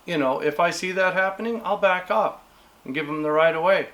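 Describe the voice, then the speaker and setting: A man's voice: high voice, fairly quick, fairly bright tone. A man vlogging in a casual, rambling rant, exasperated and leaning on "you know" and "man". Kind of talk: casual ranting monologue.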